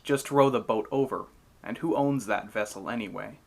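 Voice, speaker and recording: A man's voice: fairly low pitch, moderate pace, a bit bright. A man voicing a proud, hot-tempered warrior god in a myth retelling, boastful and declamatory. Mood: frustrated.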